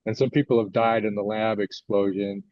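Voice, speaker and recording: Here a Californian author in his later years fields interview questions in a lowish, level-toned voice, somewhat halting while he works out what to say. The talk stays conversational, captured on dull lo-fi audio.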